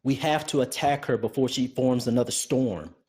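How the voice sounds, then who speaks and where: A man's voice: mid-range voice, normal speed, darkish tone, slightly rough, natural voice. A man doing an earnest young ranger leader. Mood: commanding. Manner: firm, earnest, grieving but resolute. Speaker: audiobook narrator.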